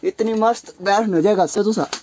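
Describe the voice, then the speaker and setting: A man's voice: high voice, moderate pace, a little mellow. A young man inside a rock cave, brashly coaxing and teasing his friend to come in, picked up on a phone camera. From India. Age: young adult. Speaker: vlogger's friend. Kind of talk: casual banter. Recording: noisy cave phone recording.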